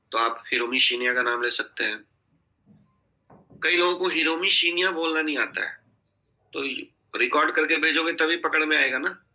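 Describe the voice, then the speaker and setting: Bright-voiced male sales coach. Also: mid-range voice, poor audio. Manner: instructive, repeatedly checking in with "theek hai?". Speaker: sales team trainer. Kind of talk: coaching talk on a group video call. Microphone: video call.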